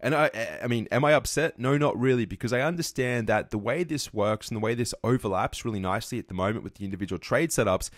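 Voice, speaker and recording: A man's voice: medium pitch, fast talker, hardly any pauses, no echo, studio quality. A man giving a market analysis lesson over charts, earnest, often restarting and correcting himself mid-sentence. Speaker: trading educator.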